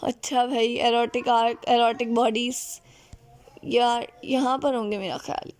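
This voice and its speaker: In a recorded biology lecture, a woman with a fairly high, steady, slightly mellow voice walks through diagrams step by step. She poses questions and answers them herself, filling pauses with "theek hai" and "achha bhai."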